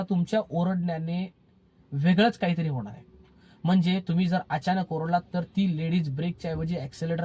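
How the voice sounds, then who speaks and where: A man's voice: sits high, a little mellow. A man, a driving instructor giving casual advice in a vlog, earnest and repetitive as he pleads with his listeners.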